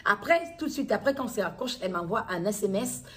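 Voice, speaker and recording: This mother from Kinshasa, a middle-aged Congolese woman, tells her story unscripted to the camera for a public appeal video. Her medium-pitched voice carries lively intonation, though she hesitates, repeats herself, and keeps returning to restate phrases, with slight background noise audible.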